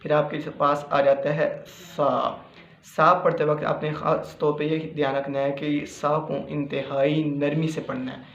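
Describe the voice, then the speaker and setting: A patient man from Pakistan gives a slow lesson on letter sounds, repeating each point and sounding out every letter. His voice sits a little high and keeps to a flat, even tone. The recording is muffled and echoey, as in a bare room. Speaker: Quran reading teacher. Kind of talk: slow spoken lesson with demonstrations.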